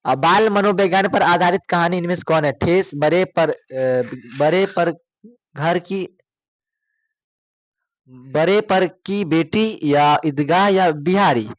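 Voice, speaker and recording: A man's voice: high voice, takes it slowly, no echo. A male coaching teacher, running through exam questions, repeating each one and asking students for the answer.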